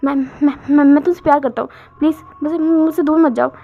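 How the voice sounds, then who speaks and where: A woman's voice: high voice, fairly even intonation, quick pace. A woman voicing a lovestruck young man who pleads in tears, stammering and repeating words. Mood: pleading. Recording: dull lo-fi recording.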